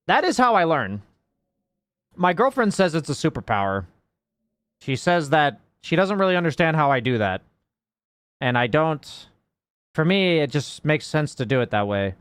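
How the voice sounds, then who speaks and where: A man's voice: a little high, dry recording. A young man, a game coach, chatting casually to his stream viewers, explaining ideas in a rambling, reflective way full of fillers.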